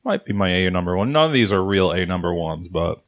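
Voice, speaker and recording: A man's voice: low-pitched, very animated, brisk, slight background noise. A man hosting a casual snack review, rambling and laughing between swears. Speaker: host.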